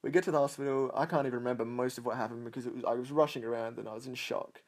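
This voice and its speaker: A man's voice: medium pitch, fairly even intonation, rapid-fire. A young man casually telling a long personal story, rambling, swearing a lot and laughing between lines. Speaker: storyteller over gameplay.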